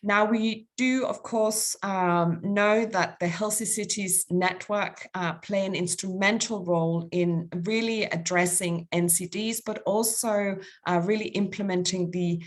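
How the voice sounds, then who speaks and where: A woman with a Danish accent giving a formal conference presentation, pausing often with ums and uhs as she works through numbered points. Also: mid-range voice, fairly even intonation. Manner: halting, many ums and uhs, lists points. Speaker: conference speaker.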